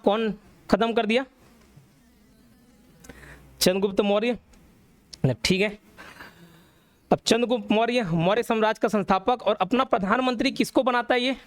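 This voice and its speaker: A man teaching a classroom history lecture, telling the story and quizzing students as he goes. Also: sits high. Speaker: exam coaching teacher.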